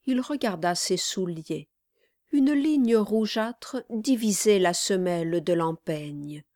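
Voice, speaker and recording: A woman narrates a story at a slow, measured pace, with her voice sitting in a middle range. The recording is dry and close, with no room sound. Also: mid-range voice, expressive, dark tone, dry recording. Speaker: audiobook reader. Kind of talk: scripted narration.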